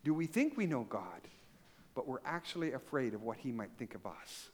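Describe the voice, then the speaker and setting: A man's voice: mid-range voice, moderate pace, slightly rough. A man preaching to a congregation of children and adults, telling a story and asking the crowd questions. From Canada. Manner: animated storytelling, acts out voices and asks the crowd questions. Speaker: pastor.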